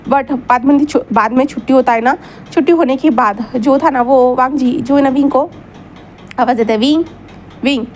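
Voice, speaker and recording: Woman storyteller, high voice, chatty and repetitive, faint background hiss. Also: moderate pace, a little mellow. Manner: chatty, with repeats and asides to listeners. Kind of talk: narrating a fan story aloud.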